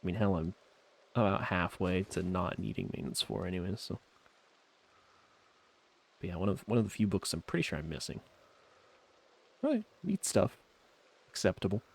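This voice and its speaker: Low gravelly laid-back streamer guy. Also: lively intonation, fairly quick, pauses often. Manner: laid-back, rambling self-talk with frequent trailing fillers. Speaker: game streamer. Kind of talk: casual gameplay commentary.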